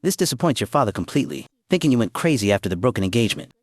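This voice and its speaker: A man narrating a story recap in the second person, with brisk, animated storytelling, recorded close and dry. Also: medium pitch, dry recording.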